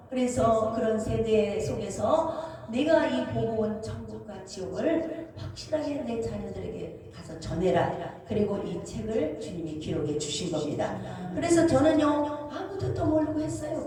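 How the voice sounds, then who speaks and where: A woman's voice: fairly high pitch, distant mic. Woman preaching a testimony in an echoey hall. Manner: animated storytelling, acts out dialogues, laughs often. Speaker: prayer house director. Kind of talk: testimony sermon.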